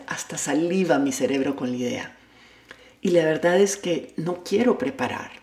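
Recorded in a room with noticeable echo, a low, slightly mellow female voice offers motivational coaching as a podcast host. She's an adult with a child at home, Spanish is her first language, and she talks directly to the listener with frank, self-mocking honesty.

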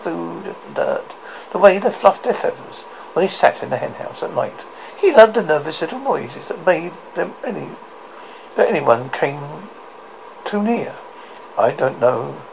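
Brief: story narrator, gravelly and very varied in pitch, stumbling read, faintly noisy amateur recording. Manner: halting, often stumbles and repeats words. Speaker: storyteller reading a short story aloud.

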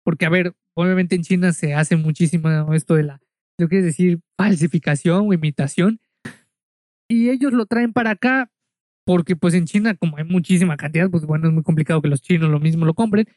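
A man's voice: on the high side, fairly quick, darkish tone, no echo, clean studio sound. A man from Mexico with a Mexican accent, casually telling a story in a monologue, chatty and full of asides, speaking straight to the listener.

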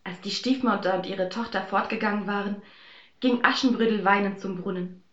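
A woman telling a fairy tale in a calm, even storytelling voice. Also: medium pitch, a little fast, reverberant, lo-fi sound.

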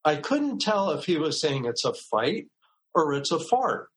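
Unhurried older man telling a story. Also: a little high, low-quality recording. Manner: relaxed anecdotal telling, acts out quoted voices. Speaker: guest expert, lawyer and mediator. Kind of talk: storytelling in a podcast interview.

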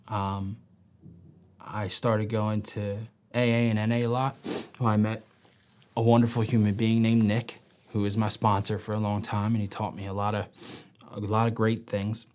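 A man's voice: lowish voice, little pitch movement, moderate pace, long pauses, darkish tone. A man speaking in an interview, telling his own story candidly. He sometimes drops to a near whisper and acts out quoted voices with animation. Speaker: interview guest. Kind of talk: personal storytelling.

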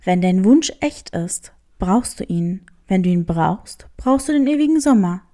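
Sly storybook tomcat, low and slow, cryptic and boastful, a woman puts him on. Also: animated, mellow, close to an everyday voice.

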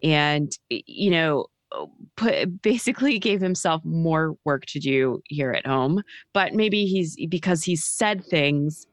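A woman reporter in a casual political podcast chat, wry and halting, with many fillers. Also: low voice, lively intonation, no echo, studio quality.

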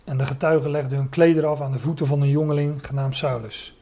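A man's voice: on the high side, steady tone, fast talker, warm tone. A man teaching from the Bible in a sermon, reading passages aloud and then explaining them with frequent hesitations. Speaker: preacher.

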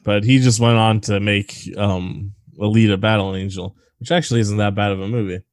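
A man's voice: fairly low pitch, fairly even intonation, brisk, no room sound. A man co-hosting a casual movie podcast, crude and joking, rambling with fillers. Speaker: podcast co-host.

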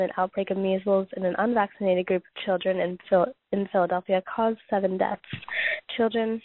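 Hoarse woman reading notes over a tinny line. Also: mid-range voice. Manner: halting reading with frequent restarts and throat clearing. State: losing her voice, coughing. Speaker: podcast host reading points on a topic. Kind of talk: reading prepared notes aloud. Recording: tinny phone-like audio.

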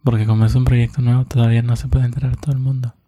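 A man's voice: medium pitch, very fast. A man co-hosting a podcast, chatting casually with jokes and rambling asides. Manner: relaxed, joking, rambling. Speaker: podcast co-host. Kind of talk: casual chat.

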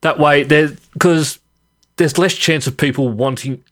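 A male podcast co-host keeps things casual and conversational. His voice is on the high side, and he speaks at a measured pace.

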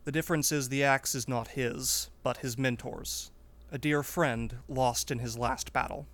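A man's voice: mid-range voice, fairly even intonation, measured pace, a bit bright, lightly acted. A man playing a humble but resolute wandering warrior in a tabletop game, speaking formally and earnestly. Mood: solemn.

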